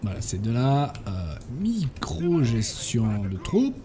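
A man casually commentating his strategy game, ordering units around and breaking into excited outbursts. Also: medium pitch, slow, noisy background. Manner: bosses units around, bursts into excited exclamations. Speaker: gaming YouTuber. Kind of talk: casual let's-play commentary.

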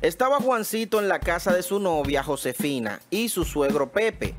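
A woman tells comic jokes in a lively storytelling manner. Her voice swings up and down with animation. Faint music plays behind her. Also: lowish voice, normal speed. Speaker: joke teller. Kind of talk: comic joke narration.

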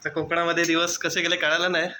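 Bright flat-voiced hesitant man vlogger. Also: fairly high pitch, fast talker, slight background noise. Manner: hesitant, many fillers. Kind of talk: casual vlog greeting.

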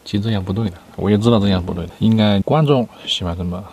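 Low-voiced man chatting as he eats. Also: very fast, a little mellow, slight background noise. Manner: talking between bites while eating. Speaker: vlogger eating on camera. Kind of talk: casual mukbang chat. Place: inside a parked car.

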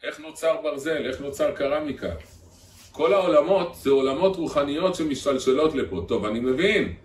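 A man's voice: on the high side, expressive. A man, a rabbi, giving a Torah lesson to a live audience, drilling phrases and putting questions to his listeners. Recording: echoey room, far from the mic, faint noise.

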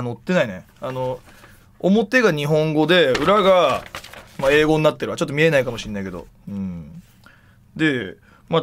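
A man streaming live, chatting casually in rough slang with loud exclamations while he handles and examines an object. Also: fairly high pitch, a little hiss or hum.

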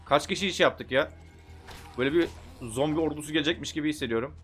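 A man giving casual gameplay commentary, chatting to himself and bursting into loud shouts at the game. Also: a little high, fast, faint music behind. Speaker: gameplay streamer.

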